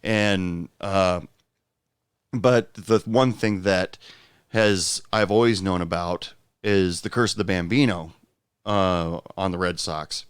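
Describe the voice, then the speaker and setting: A man hosts a casual podcast conversation. He talks hesitantly, with many fillers, and laughs often. His voice is low and smooth, and the sound is dry. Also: fairly even intonation, slow pace, no echo. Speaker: podcast host. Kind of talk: casual chat.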